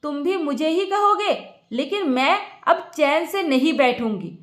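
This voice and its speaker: A woman voicing an angry, sharp-tongued young wife who shouts accusations. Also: high voice, expressive, unhurried, reverberant.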